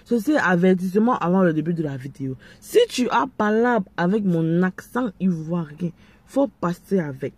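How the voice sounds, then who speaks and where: Husky speaker with Ivorian French accent. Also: medium pitch, animated, moderate pace. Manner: preachy, confrontational, addresses viewers directly. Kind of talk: direct-to-camera commentary.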